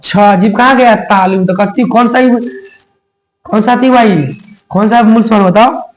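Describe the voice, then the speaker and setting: A man's voice: high voice, moderate pace, low-quality recording. A man teaching a grammar lesson, sounding out letters one by one and quizzing his students with repeated questions.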